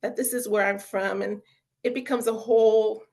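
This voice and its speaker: A woman's voice: mid-range voice, fairly even intonation, normal speed, darkish tone. A woman giving a casual webinar talk as an author and educator, chatty and full of fillers, upbeat about children's learning. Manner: chatty, lots of fillers like "you know" and "um".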